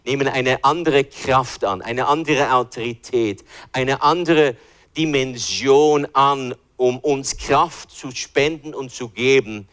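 A man's voice: mid-range voice, takes it slowly, fairly bright tone, clean tone. A man teaching from the Bible in an informal, conversational way, thinking aloud as he looks for verses. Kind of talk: informal Bible study talk.

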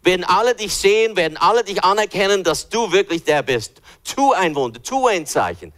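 A man voicing a tempting male devil, pitched high and urging. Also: big pitch swings, a little fast, fairly bright tone. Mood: coaxing.

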